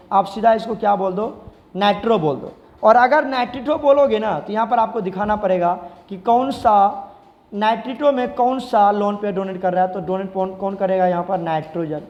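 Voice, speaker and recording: A man's voice: very high-pitched, darkish tone, in a large hall. A male chemistry teacher, giving a classroom lecture and repeatedly asking the class questions and answering them himself. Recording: slightly dull lo-fi sound.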